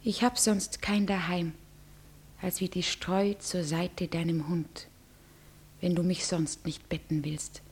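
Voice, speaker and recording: An actress playing a frightened young bride who pleads in a breathy, often whispered voice, in a classic radio play. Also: female voice, on the low side, steady tone, takes it slowly, heavily acted. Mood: despairing. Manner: pleading, trembling.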